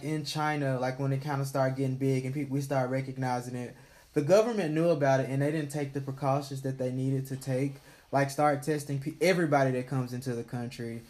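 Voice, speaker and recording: A man in casual chat, talking in a relaxed, rambling way full of fillers. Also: medium pitch, normal speed.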